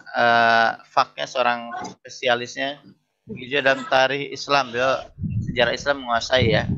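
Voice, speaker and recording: A male lecturer leads an interactive class, reading Arabic phrases slowly, explaining each one, and repeatedly asking "betul tidak?". His mid-range voice is bright with a gravelly edge. The audio is dull and lo-fi, like an online class.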